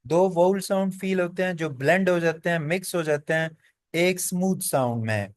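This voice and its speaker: A man teaching pronunciation in a classroom-style explanation. He moves through each example deliberately and repeats every vowel sound several times. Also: a little high, dry recording. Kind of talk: classroom explanation mixing Hindi and English.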